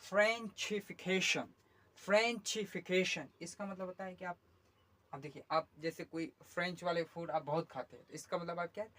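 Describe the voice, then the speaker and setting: A man teaching English pronunciation. He spells each word letter by letter, repeats it slowly and stretched, and explains patiently with many okays. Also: fairly high pitch, fairly even intonation, a bit bright. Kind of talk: pronunciation lesson.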